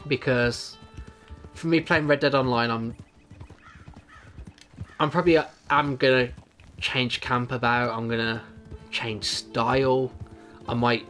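A man's voice: mid-range voice, flat delivery, unhurried, long pauses, fairly bright tone, soft background music. A young adult man giving casual, rambling gameplay commentary as a streamer, chatty and self-amused.

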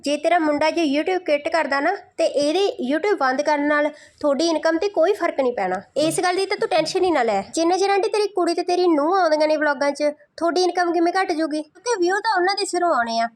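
A woman giving mocking, insulting roast commentary in a scolding, sarcastic tone. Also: very high voice.

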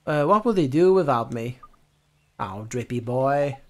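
A man's voice: medium pitch, expressive, unhurried, darkish tone. A man playing a video game who reads every character's lines aloud himself, with some asides of his own. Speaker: lets-play streamer. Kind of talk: reading game dialogue aloud.

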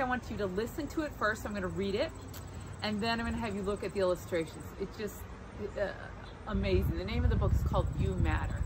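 A middle-aged teacher reads a picture book aloud to children, mixing in casual instruction and addressing the young listeners with simple, encouraging phrases. Her voice is medium-pitched, and the background is noisy.

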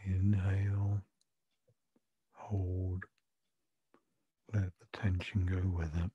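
An older man with a soft, breathy voice gently guiding a breathing and relaxation meditation in soothing, measured instructions. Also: medium pitch, dry recording. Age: 60s or older. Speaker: relaxation therapy guide. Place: furnished room at home. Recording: dull lo-fi sound, music behind. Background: music.

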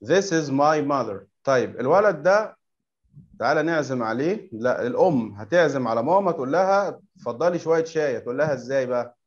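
A man with an Egyptian Arabic accent teaching English to young pupils in an online class, patiently correcting them and repeating words slowly for them to echo. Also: medium pitch, expressive, lo-fi sound. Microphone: video call.

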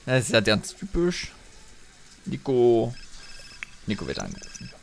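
A man giving casual commentary while playing a video game, talking to his characters in an animated way, with game music behind him. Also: medium pitch, unhurried, gravelly, a little hiss or hum. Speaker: let's play host.

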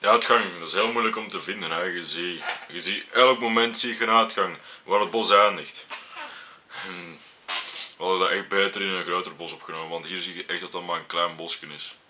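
Deep-voiced Flemish young man, chatty. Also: brisk, a little hiss or hum. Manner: chatty, amused, relaxed storytelling. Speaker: YouTuber reacting to his own old video. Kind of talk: casual reaction commentary.

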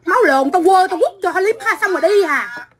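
A woman's voice: very high voice, lively intonation, fairly quick, very noisy. A middle-aged woman from Vietnam, delivering a profane, combative livestream rant into a phone. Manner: profane, combative, shouting insults.

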